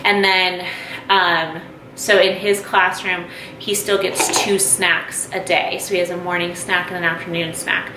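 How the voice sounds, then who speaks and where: A woman's voice: lowish voice, level tone, measured pace, background noise. A young pregnant woman chatting casually and upbeat as a vlogger at home, with lots of fillers and asides. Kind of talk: casual haul vlog chat.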